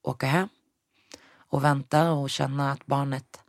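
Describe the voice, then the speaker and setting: Brief: young woman, guest, gravelly fry, dry close sound, storytelling that acts out the dialogue. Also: rumbling low, fairly even intonation, no room sound. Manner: retells events with quoted dialogue, mixes in English words. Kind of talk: personal storytelling in conversation.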